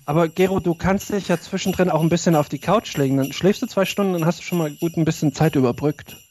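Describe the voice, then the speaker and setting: A man's voice: fairly high pitch, fast, darkish tone, slight background noise. A man co-hosting a podcast, chatting casually in a rambling way. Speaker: podcast co-host. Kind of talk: casual chat.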